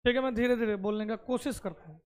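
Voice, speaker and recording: A man's voice: very high-pitched, quick pace. A man teaching chemistry to a classroom of students. He explains step by step and keeps asking the class questions.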